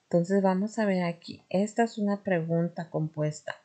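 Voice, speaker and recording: A woman teaching a grammar lesson, patient and careful, often pausing with fillers and correcting herself. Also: on the low side, dark tone. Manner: patient, self-correcting, frequent "este" fillers.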